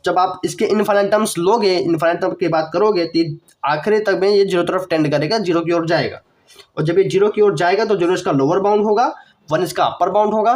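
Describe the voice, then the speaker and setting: A young man teaching math in an online lecture, a little unwell with a cough, explaining step by step, repeating key phrases and asking the viewer questions. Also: sits high. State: has a cough, feeling unwell.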